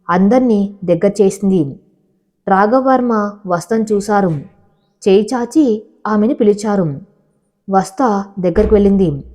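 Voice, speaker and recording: A woman narrating an emotional love story in a steady, measured way. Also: mid-range voice.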